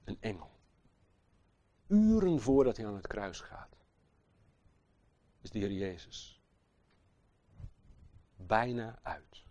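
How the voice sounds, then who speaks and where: A man's voice: on the low side, big pitch swings, slow, long pauses, no room sound. Impassioned male preacher, dry sound. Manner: impassioned, swinging from hushed to loud; emphatic, rhetorical questions to listeners. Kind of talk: sermon.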